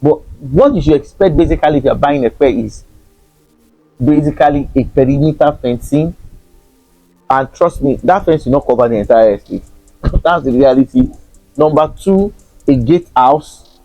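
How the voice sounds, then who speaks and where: A man's voice: on the high side, lively intonation, normal speed, pauses often, no echo, dull audio, soft background music. A Nigerian man, a real estate consultant, talking to camera in a frank, teasing way and chuckling often. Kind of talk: casual talk to camera.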